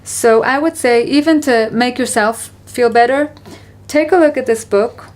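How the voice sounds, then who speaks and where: A woman hosting a casual Q&A conversation, talking about parenting in an earnest, reflective and gently encouraging way. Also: a little high, measured pace. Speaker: parenting advice host.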